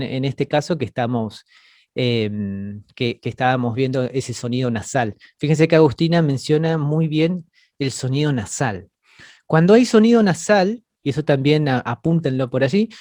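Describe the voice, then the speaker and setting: A man's voice: on the high side, a little mellow, dry recording, studio quality. A man teaching an online class over a video call, explaining patiently and often repeating words as he goes.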